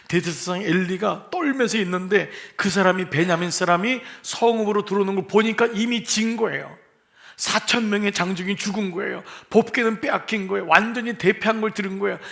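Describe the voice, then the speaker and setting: A man's voice: high voice, gravelly, fairly bright tone. A man, the senior pastor, preaching a sermon in church and asking his congregation questions with light humor. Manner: asks the congregation questions and jokes with them. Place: church sanctuary.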